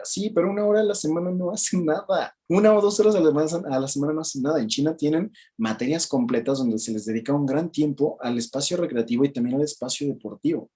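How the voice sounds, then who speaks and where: A man with a Mexican Spanish accent gives a chatty, casual book commentary, keeps asking "¿no?" and jumps up in pitch to act out quoted people. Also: mellow. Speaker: book reviewer.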